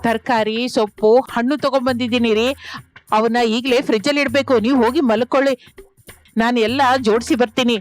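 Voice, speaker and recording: A woman voicing a wary, short-tempered young wife in an animated village story, speaking in brisk, clipped lines. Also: on the high side, faint music behind, natural voice.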